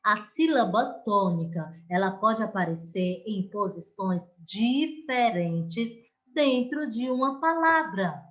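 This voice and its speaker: Slow, coaxing Brazilian schoolteacher woman. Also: mid-range voice, animated, lo-fi sound. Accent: Brazilian Portuguese. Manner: slow, drawn-out stressed words, coaxing children. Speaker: primary school teacher. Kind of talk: online lesson for children.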